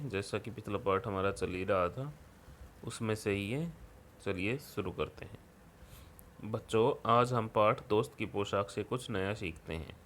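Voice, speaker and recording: A man's voice: lowish voice, a bit bright, a little hiss or hum. A man teaching schoolchildren through a worksheet, explaining patiently and often checking in with the class. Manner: patient, repeats words and fills with "ठीक है". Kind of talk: worksheet lesson explanation for children.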